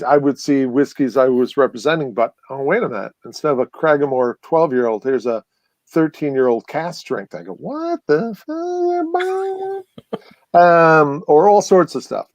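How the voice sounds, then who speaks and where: A man's voice: mid-range voice, no room sound. Chatty man telling stories, dry sound. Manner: rambling, animated, many fillers and restarts. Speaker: guest. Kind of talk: casual storytelling chat.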